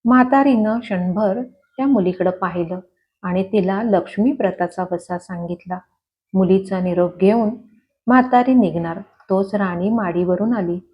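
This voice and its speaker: A woman narrating a devotional folk story in a measured, expressive storytelling manner, on a dull lo-fi recording. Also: mid-range voice.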